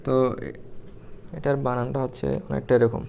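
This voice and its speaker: A man's voice: mid-range voice, little pitch movement, moderate pace, creaky, mellow, dull audio, slight background noise. A young man teaching Arabic grammar in a casual, explanatory way, thinking aloud with fillers and restarts as he writes.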